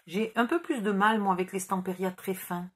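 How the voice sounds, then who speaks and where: A woman's voice: medium pitch, a little fast, fairly bright tone, breathy edge. A middle-aged woman chatting casually through a scrapbooking haul, rambling and mocking herself as she loses track. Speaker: scrapbooking YouTuber. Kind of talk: casual haul video chat.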